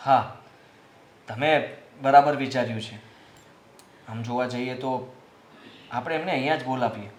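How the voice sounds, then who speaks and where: A man's voice: medium pitch, measured pace, long pauses, slight background noise, close to an everyday voice. A man playing a sincere, remorseful son. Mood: apologetic. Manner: sincere, apologetic. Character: remorseful grown son seeking to mend ties. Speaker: son of the family. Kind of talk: family drama acting. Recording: roomy echo.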